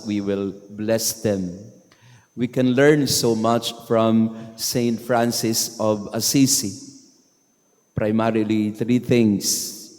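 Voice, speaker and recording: Slow Filipino priest in echoing church. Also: male voice, on the low side, a little mellow. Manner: slow, measured delivery, mixing English with Tagalog. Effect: church echo. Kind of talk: Gospel reading and homily at Mass. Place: large church. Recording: long church reverb.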